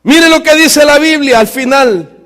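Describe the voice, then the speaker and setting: A man's voice: extremely high pitch, measured pace, pushed and bright, some chatter behind. A man preaching a sermon as pastor, telling stories fervently and often calling his listeners brother. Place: church sanctuary. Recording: long reverb of a church hall.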